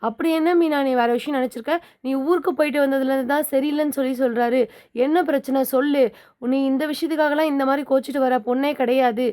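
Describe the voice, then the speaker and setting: A woman's voice: high voice, fairly even intonation, fast talker, a little mellow, close to an everyday voice. A woman voicing a worried middle-aged mother who keeps pressing and scolding her daughter. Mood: pleading, scolding. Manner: insistent, scolding questions.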